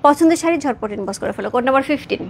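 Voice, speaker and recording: A woman in her thirties from Bangladesh, hosting a live-stream saree sale with quick, repetitive sales patter and chat with her viewers. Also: high-pitched, animated, creaky, slight background noise.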